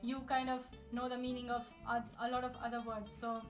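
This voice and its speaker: A young woman from India shares upbeat language-learning tips straight to camera for her viewers in a casual video. Her voice is a little high, brisk and flat in delivery, with guitar music playing behind her.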